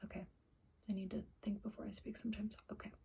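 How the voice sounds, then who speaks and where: A woman whispering softly in an ASMR style, reading aloud and rambling with self-correcting asides. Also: medium pitch, little pitch movement, fast, vocal fry, breathy edge. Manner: whispering and very soft-spoken. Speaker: ASMR creator. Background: faint music playing for plants, background hiss.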